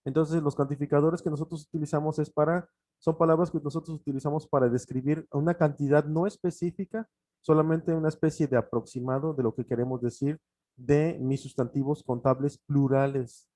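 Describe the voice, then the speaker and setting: A man whose first language is Spanish, teaching an online English grammar lesson, explaining step by step and repeating examples, often pausing with fillers. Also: fairly high pitch, fairly even intonation, dark tone, dry recording.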